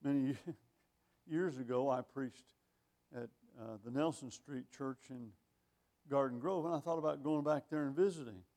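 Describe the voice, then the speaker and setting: A man's voice: medium pitch, a little slow, a little mellow. A man in his sixties preaching a sermon, reading scripture and asking rhetorical questions in a wry, conversational way. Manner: reads scripture in older phrasing.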